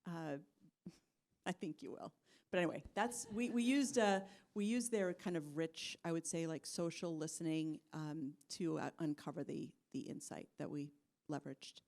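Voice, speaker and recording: Low, mellow-voiced woman on a panel. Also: moderate pace. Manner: chatty, with fillers and light laughs. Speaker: marketing executive on a panel. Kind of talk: conversational panel answers. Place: conference stage with audience.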